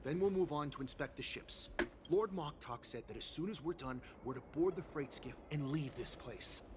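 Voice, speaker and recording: A man's voice: fairly high pitch, normal speed, music in the background, lightly acted. A man voicing a businesslike smuggler henchman giving orders in a video game. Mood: brisk, conspiring.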